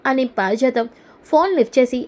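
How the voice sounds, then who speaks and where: Mellow-voiced woman narrating a story. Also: sits high, fairly quick. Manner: plain, flowing retelling. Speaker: storyteller recapping a TV serial.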